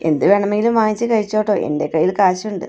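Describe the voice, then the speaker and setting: A woman doing a gentle young man comforting. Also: medium pitch, very fast, lightly acted. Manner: soothing, reassuring. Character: young man, gentle loyal brother-in-law. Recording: dull lo-fi recording.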